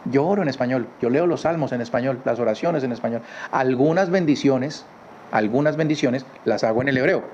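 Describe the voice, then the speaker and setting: Man, informal Bible teacher, chatty, mid-pitched, recorded slightly dull with faint noise behind. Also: fairly quick, darkish tone. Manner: conversational, with rhetorical tag questions. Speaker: Torah teacher. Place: his home.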